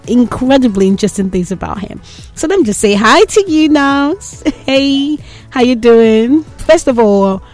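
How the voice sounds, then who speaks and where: A woman's voice: on the high side, a little mellow. A woman hosting a podcast interview in an informal, conversational way, checking in with "right?". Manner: informal, often adds "right?". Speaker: podcast host.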